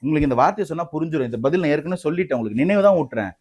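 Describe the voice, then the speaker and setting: A man's voice: on the high side, animated, rapid-fire, darkish tone, slightly rough. A man speaking as a party spokesman in a heated interview, combative and mocking, talking over the interviewer.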